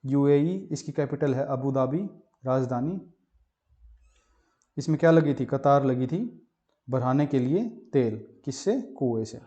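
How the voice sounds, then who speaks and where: A man's voice: medium pitch, lively intonation, slow pace, pauses often, mellow. A male teacher giving an exam-prep geography lesson. He teaches with memory stories, and he keeps asking questions and answering them himself. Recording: muffled lo-fi voice-over.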